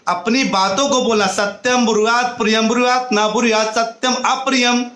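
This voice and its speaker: A man giving a devotional discourse in a high, bright voice, moving between storytelling and chanted verses. The room is echoey. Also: steady tone, moderate pace. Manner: tells parables and chants mantras, with a light laugh. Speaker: preacher.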